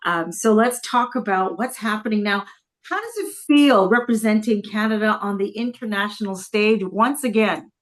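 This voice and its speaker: A woman's voice: medium pitch, normal speed. A woman hosting an interview talk show, welcoming and praising her guest with enthusiasm.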